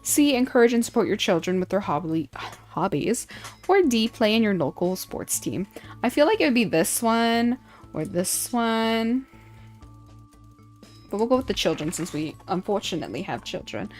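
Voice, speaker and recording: A woman's voice: medium pitch, sing-song, normal speed, a little mellow, faint music behind. A woman streamer reading quiz questions aloud in casual chat, playful and mock-indignant, swearing casually.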